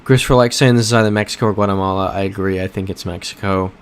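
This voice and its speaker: Racing along in a low, steady voice, an American man streams a map-guessing game, reading viewer messages aloud and reasoning through the clues. The casual live-stream chat carries a little hiss or hum.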